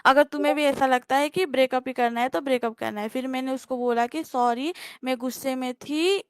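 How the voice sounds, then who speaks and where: A woman's voice: high voice, steady tone, brisk, clear, resonant tone, dry recording, studio quality. A young woman telling her story on a livestream call, rambling and hesitant, with many fillers and restarts.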